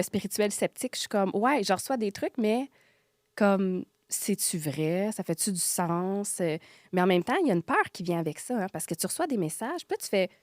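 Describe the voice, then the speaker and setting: A woman with a Quebec French accent, a guest on a podcast, telling her own experiences in animated casual talk and acting out what she thought and said. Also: medium pitch, dry recording, studio quality. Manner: animated, acts out her own quoted thoughts, drops to near-whispers. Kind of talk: casual storytelling interview.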